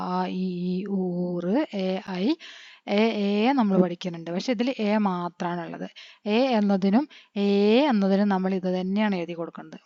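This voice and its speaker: A woman, teaching a patient lesson and spelling letters out slowly, quizzing her pupils as she goes. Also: on the low side, a little mellow, no room sound. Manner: patient, asks the children questions and answers them. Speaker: Hindi teacher. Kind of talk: classroom-style lesson. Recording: dry, dull lo-fi recording.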